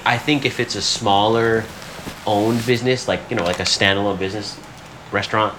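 A man with a lowish voice talking casually on a podcast, relaxed and drawling, often agreeing with short replies. Faint noise hums under his voice. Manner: easygoing, drawling, quick to agree with "yep" and "mm-hmm". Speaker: podcast co-host. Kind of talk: casual chat.

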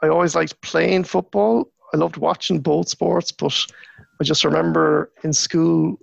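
Gravelly west of Ireland man, fairly high-pitched. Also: fairly even intonation, measured pace, dry recording, dull audio. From Galway, west of Ireland. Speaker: university lecturer in anatomy, interview guest. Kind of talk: casual conversational interview.

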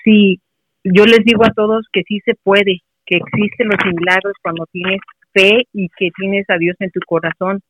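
A woman's voice: medium pitch, level tone, moderate pace, crowd noise. A middle-aged woman from Mexico City, a guest in a casual interview, speaking earnestly and encouragingly. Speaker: interview guest, mother of a player. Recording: muffled, dry recording.

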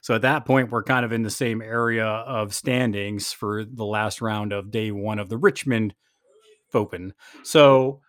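A man's voice: lowish voice, fairly even intonation, a little slow, no echo. Man casually recapping a game, dry close sound. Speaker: podcast host.

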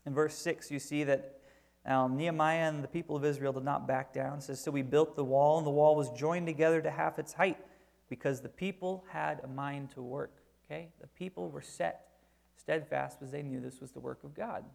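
A man's voice: fairly high pitch, steady tone, normal speed, gravelly, darkish tone. A man preaching a sermon, reading scripture aloud and then explaining it with emphasis.

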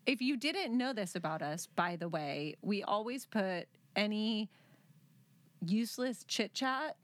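A woman's voice: medium pitch, animated, a little slow, dry recording. A woman hosting a true-crime podcast, telling the story conversationally in an informal, explanatory way with teasing banter. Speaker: podcast host.

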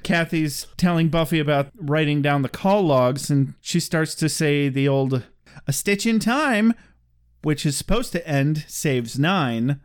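A man's voice: on the high side, a little slow, few pauses, clean tone. A man co-hosting a podcast in casual chat, laughing often and tossing in jokey asides. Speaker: podcast co-host.

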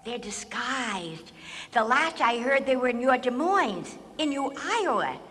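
In a comic radio drama, a woman voices a naive, fretful blue-green alien from a distant planet, politely earnest, worried and brimming with questions. Her fairly high voice swings widely in pitch, a little slow and a bit bright, with a long reverb tail and slight hiss or hum.

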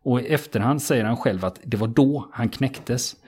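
A man retelling a true story in a relaxed podcast conversation, steady and matter-of-fact, with frequent small fillers. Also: medium pitch, breathy edge.

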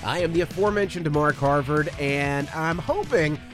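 A man with a voice on the high side speaks at a moderate pace over background music. He's a podcast host delivering a casual monologue in a studio, chatty, rambling, and upbeat, his voice a bit strained from allergies.

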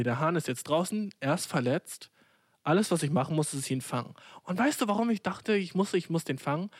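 A young man with a slightly high voice tells a comic anecdote in a loose, rambling way. His speech is full of slang, swear words and English words, with frequent restarts. The recording is dry, with no room sound. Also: dry recording. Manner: rambling with many fillers and restarts. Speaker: storyteller.

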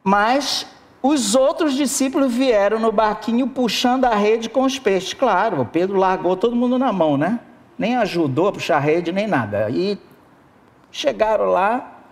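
A preacher delivering a sermon with an expressive manner, talking straight to the congregation. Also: mid-range voice, moderate pace. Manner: expressive, addresses the congregation directly.

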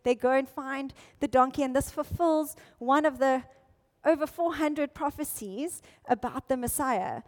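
A woman pastor giving an animated, conversational sermon. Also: sits high, a little slow. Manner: animated, conversational Bible teaching. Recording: long hall reverb.

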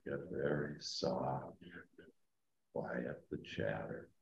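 Very deep, slow male sleep-story style meditation guide. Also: creaky. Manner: soft, hushed, calming delivery with long pauses. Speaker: spiritual teacher and meditation guide. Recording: dull, roomy echoing sound.

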